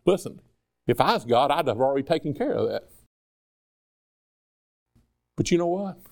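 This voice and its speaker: A man delivers a sermon in a loose, conversational way, tossing rhetorical questions at his listeners. His voice sits a little high and carries a gravelly edge. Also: very animated, moderate pace. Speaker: preacher.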